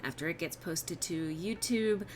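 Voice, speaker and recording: A woman's voice: fairly low pitch, measured pace, darkish tone, slight background noise. A woman hosting a casual gameplay stream, rambling and self-mocking, sounding a little under the weather and subdued. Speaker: streamer host.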